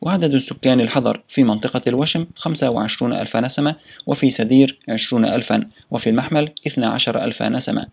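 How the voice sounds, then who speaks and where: Man, gravelly voice, steady audiobook reading, slightly dull lo-fi sound. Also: mid-range voice, fast, a little hiss or hum. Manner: steady reading of name lists with asides. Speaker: reader.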